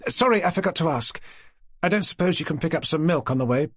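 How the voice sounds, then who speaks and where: A woman's voice: low-pitched, lively intonation, fast, slightly rough, no echo, clean studio sound, voice pushed up. A man voicing a cheerful pregnant woman chatting on the phone, in a chatty, teasing manner.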